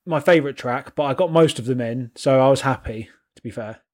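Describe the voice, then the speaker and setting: A man's voice: mid-range voice, a little fast, a little mellow. A British man chatting casually as a podcast co-host. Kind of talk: casual chat.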